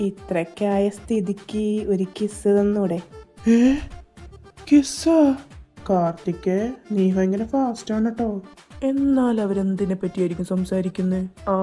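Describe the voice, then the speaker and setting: A woman's voice: medium pitch, normal speed, warm tone, soft background music. A woman reading a fan fiction audio drama, playing every role in teasing, bantering dialogue.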